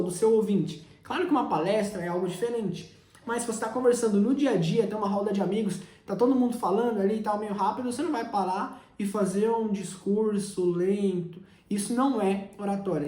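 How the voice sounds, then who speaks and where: A young man teaches public speaking in a direct way, talking straight to the listener. His tone is mellow and relaxed. The room gives his voice a noticeable echo. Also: high voice. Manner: direct, addresses the listener constantly. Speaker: sales coach. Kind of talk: instructional talk. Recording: roomy echo.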